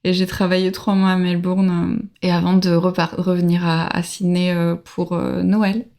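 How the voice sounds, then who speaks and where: A woman in her thirties from France, a podcast guest telling her travel story in a relaxed way, with fillers and laughs. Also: lowish voice, moderate pace. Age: 30s. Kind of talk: casual podcast interview.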